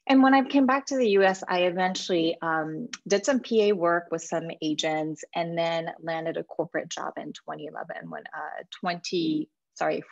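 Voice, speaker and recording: Earnest woman coach, low voice. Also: gravelly, no room sound, muffled recording. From Japan. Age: 40s. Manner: earnest, a few fillers and restarts. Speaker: life coach giving an alumni talk. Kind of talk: presentation to alumni.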